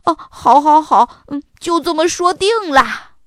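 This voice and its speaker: A woman reading a storybook, voicing an eager young boy who bursts out in loud, excited exclamations. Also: high-pitched, measured pace, dry recording, clean studio sound, pitched above the performer's own voice.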